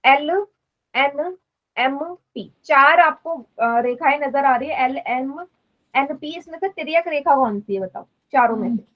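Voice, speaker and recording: A woman's voice: high voice, a little slow, lo-fi sound. A woman teaching math in a live online class, patiently explaining and quizzing students. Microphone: online class stream.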